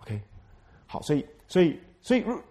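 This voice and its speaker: A man's voice: a little high, sing-song, moderate pace, mellow. A man, a pastor giving a sermon who stresses points by repeating phrases and asks the congregation questions. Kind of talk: lively sermon.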